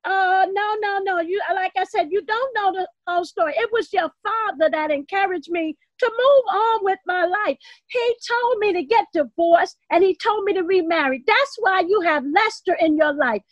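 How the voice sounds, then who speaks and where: A woman's voice: extremely high pitch, normal speed, no echo. A woman playing a mother urging her daughter, speaking in a coaxing but firm way. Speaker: church skit actor. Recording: dry, dull lo-fi sound.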